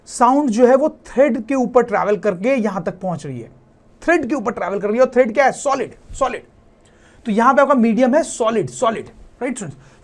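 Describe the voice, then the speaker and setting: High-voiced man teaching science. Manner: keeps addressing "students" and asks rhetorical questions; mixes English terms into Hindi explanation. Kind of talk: classroom lesson explaining over slides.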